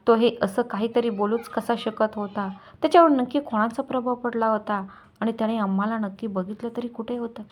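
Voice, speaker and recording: A woman's voice: a little high, fairly even intonation, a little fast. A woman reading a first-person story aloud with emotion, as the channel's storyteller. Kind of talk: scripted story narration.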